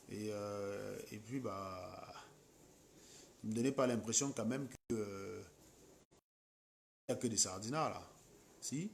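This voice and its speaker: A man with a Cameroonian French accent addresses viewers on a late-night live stream, scolding and mocking commenters combatively. His voice is fairly low and gravelly, and the recording carries a little hiss or hum.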